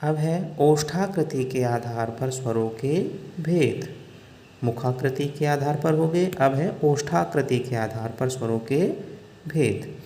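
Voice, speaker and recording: A man teaching Hindi grammar in a slow, deliberate lesson, drawing out each example sound. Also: mid-range voice, warm tone, slight background noise. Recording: echoey room with long reverb.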